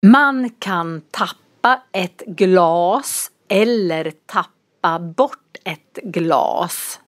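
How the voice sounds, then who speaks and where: A woman teaching a vocabulary lesson, pronouncing each word form slowly and distinctly for learners. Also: fairly low pitch, animated, no echo, studio quality. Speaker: language teacher. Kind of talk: slow, clearly articulated vocabulary lesson.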